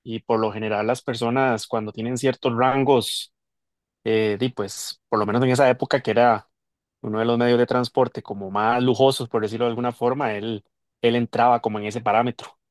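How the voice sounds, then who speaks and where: A man's voice: medium pitch, fairly even intonation, a little fast, dry recording. A man taking part in a Bible study class, answering a question hesitantly as he searches for words. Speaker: class participant.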